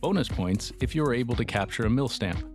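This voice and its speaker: A man's voice: medium pitch, expressive, fast talker. A middle-aged man giving dry, matter-of-fact scripted narration for a metal workshop how-to, with wry asides. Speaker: metalworking instructor. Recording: voice-over with music bed.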